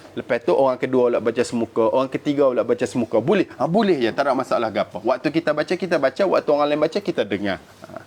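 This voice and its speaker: Malaysian ustaz type guy teaching quran class, fairly high voice for a man, stumbles and repeats words, slows way down for the arabic bits. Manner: restarts and repeats words while explaining, slows down to recite Arabic. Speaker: religious teacher.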